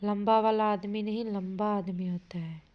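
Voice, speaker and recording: In dull, lo-fi audio, a woman teaches grammar for exam preparation, reading sentences, asking the meaning of a word, correcting it, and calling her listeners "bhai." Her mid-range voice keeps a steady tone at a normal speed.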